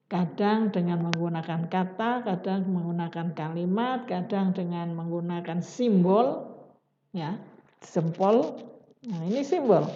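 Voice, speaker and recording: Slow mellow-voiced woman lecturing. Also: medium pitch, slight background noise. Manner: explanatory, acts out example teacher lines. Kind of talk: recorded lecture on teaching skills. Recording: dull roomy recording.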